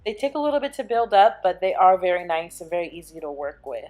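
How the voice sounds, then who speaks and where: A woman's voice: on the low side, big pitch swings, quick pace. A young woman vlogger talking through a makeup tutorial and palette review, explaining each step in a chatty way. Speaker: beauty vlogger. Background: soft background music.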